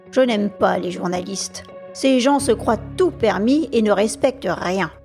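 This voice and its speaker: A woman narrating a classic detective story in a steady, measured way for a podcast. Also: a little high. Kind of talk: audiobook narration.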